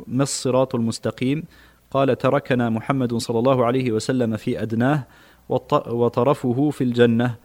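A man reading classical religious texts aloud in a study session, with steady, measured recitation. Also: mid-range voice.

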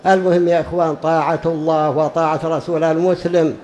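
A man's voice: a little high, little pitch movement, quick pace, a little mellow, rough recording. A man preaching a religious lesson to a gathering, emphatic and repeating key phrases for stress. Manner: drawls words out when demonstrating pronunciation.

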